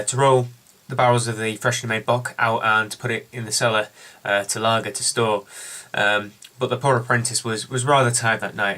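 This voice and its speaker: A man's voice: medium pitch, pushed and bright. A man hosting a casual beer review, chatting and telling a story with lots of ums and uhs.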